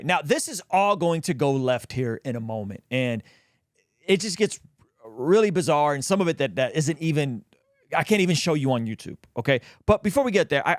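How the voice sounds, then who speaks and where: A man's voice: mid-range voice, no room sound, studio quality. A man giving casual, opinionated video commentary as a host, speaking colloquially and with emphasis. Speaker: host of a reaction show.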